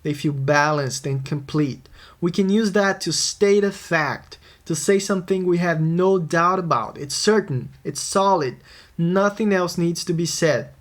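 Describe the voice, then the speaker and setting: A man's voice: on the high side, a little slow. A man, a music producer, narrating a scripted songwriting tutorial and answering his own questions. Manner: explanatory, posing and answering questions.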